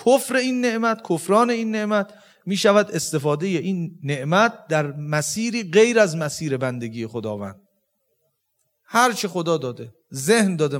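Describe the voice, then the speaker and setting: A man giving a religious lecture, explaining step by step, quoting Arabic verses and asking rhetorical questions. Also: a little high. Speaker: religious teacher.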